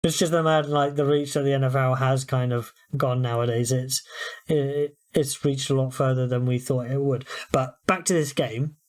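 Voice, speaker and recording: A British man on a sports podcast talks in a relaxed, chatty way. His pitch sits in the middle range, and he drifts easily into telling stories. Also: moderate pace. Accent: British English. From United Kingdom. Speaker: podcast co-host. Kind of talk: casual sports chat.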